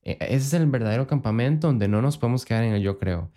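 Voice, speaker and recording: A young man with a Costa Rican accent co-hosts a casual faith podcast, reflecting in a relaxed way full of slang and rhetorical questions. He talks fast in a mid-range, dark-toned voice.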